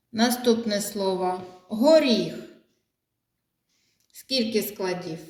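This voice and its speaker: A woman's voice: medium pitch, reverberant. A woman teacher giving a phonics lesson to young children, sounding out each syllable and sound with care.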